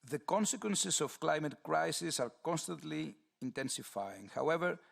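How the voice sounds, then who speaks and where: A man from Greece, giving a formal, measured statement to a committee. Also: fairly high pitch, animated, gravelly. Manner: formal, measured, read-out delivery. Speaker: committee member.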